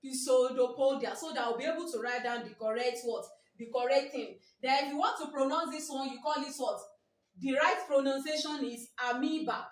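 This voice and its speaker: Far from the microphone in an echoey room, a woman with a Nigerian English accent speaks in a high, slightly quick voice. She's teaching a biology exam-prep lesson, often repeating herself and asking "what?" before answering her own question.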